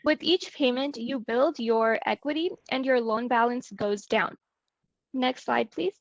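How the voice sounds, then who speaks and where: A woman giving a webinar presentation from prepared slides over a video call, pausing on fillers, her audio choppy and glitching as it keeps cutting out. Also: fairly high pitch, dry recording, lo-fi sound. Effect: choppy, glitchy audio that keeps cutting out over a bad internet link. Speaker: presenter at a consumer-affairs webinar. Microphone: computer mic on a video call.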